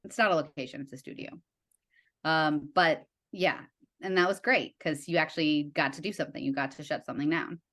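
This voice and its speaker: A young adult woman, a guest in a casual conversation, telling stories in an animated way with lots of fillers and acted-out quotes. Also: deep voice, a little fast. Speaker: guest, writer and art director.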